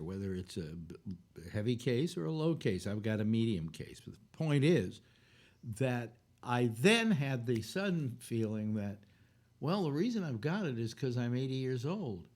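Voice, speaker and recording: A man's voice: mid-range voice, very animated, moderate pace, darkish tone. A man in his eighties hosting a casual chat show, rambling and wry, often restarting his sentences. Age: 80s. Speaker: host.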